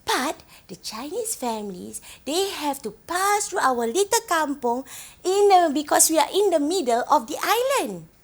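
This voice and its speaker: An actress with a Singaporean accent, playing a young woman who fondly recalls her island village childhood, gently telling her story and asking the listener questions. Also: high voice, sing-song, a little slow, exaggerated voice. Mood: reminiscing. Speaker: actor in a monologue. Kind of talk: theatrical storytelling monologue to the audience.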